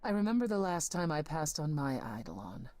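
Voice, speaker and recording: A low, wry old goddess. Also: female voice, sing-song, fairly quick, a little mellow, no echo. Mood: reassuring. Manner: dry, sardonic and reassuring. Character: wry, worldly ancient goddess. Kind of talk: voiced game dialogue.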